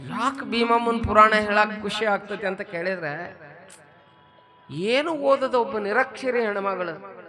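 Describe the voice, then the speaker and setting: A man, a monk with a North Karnataka accent, telling a religious story as a sermon, asking the audience lively rhetorical questions. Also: high-pitched, measured pace, pauses often, faint music behind. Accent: North Karnataka Kannada. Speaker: monk giving a religious discourse. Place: religious gathering with a live audience.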